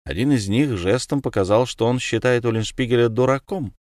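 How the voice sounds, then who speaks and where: A man narrating a classic adventure novel in a lively, expressive reading. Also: mid-range voice, brisk, dry recording, studio quality. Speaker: audiobook narrator.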